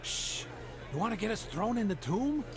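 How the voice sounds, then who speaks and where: A man's voice: sits high, very animated, moderate pace, loud music behind the voice. An actor playing a fearful townsman in a video game, urgent and guarded. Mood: nervous. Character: nervous male townsman hushing others under a tyrant's rule.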